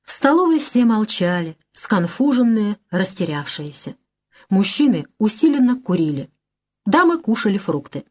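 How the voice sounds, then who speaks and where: A woman's voice: medium pitch, sing-song, normal speed, a little mellow. A woman narrating a classic novel as an audiobook, reading expressively with emotion.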